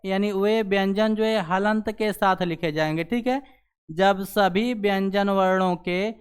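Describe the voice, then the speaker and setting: In a classroom-style grammar lesson, a man with a smooth, high-pitched voice poses questions and answers them himself. He tacks "ठीक है" ("theek hai") onto nearly every sentence.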